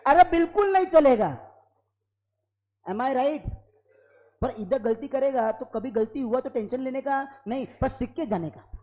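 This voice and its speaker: A man teaching an accounting class live in a classroom, lively and constantly prompting students for yes or no. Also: very high-pitched, highs cut off. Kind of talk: classroom lecture.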